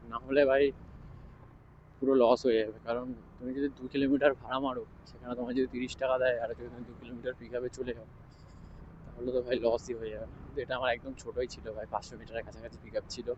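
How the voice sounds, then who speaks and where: A man vlogging as a bike taxi rider, speaking quietly in casual chat while riding through city streets. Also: mid-range voice, muffled recording. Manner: talks quietly because his mic distorts. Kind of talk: casual ride-along vlog chat. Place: outdoors on a scooter in city traffic. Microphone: action camera mic while riding. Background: wind and traffic noise.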